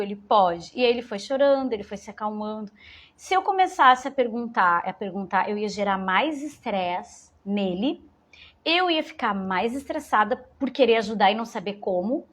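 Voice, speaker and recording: Woman in her 40s chatting to moms about parenting, talks it through, kinda high voice. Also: animated, moderate pace. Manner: warm, conversational, repeats and rephrases phrases. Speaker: educator speaking to mothers. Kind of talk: informal parenting talk.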